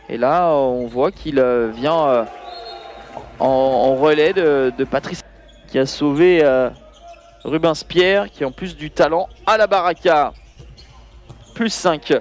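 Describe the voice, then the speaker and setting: A man doing live handball commentary over highlights, excitable, with his voice surging on the big plays.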